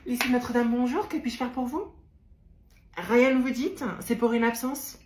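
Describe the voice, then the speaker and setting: A woman playing a fed-up school receptionist who answers calls in a weary, rushed way. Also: fairly high pitch, reverberant, very noisy, natural voice. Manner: weary, rushed phone patter.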